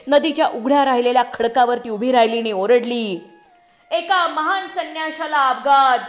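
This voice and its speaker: A woman giving an expressive reading of a literary short story, her voice rising sharply for the shouted lines. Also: fairly high pitch. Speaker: story reader.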